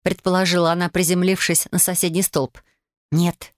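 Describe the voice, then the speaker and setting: Woman reading an audiobook, low voice, dry close sound, wry and lively. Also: fast talker, no echo. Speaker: audiobook narrator.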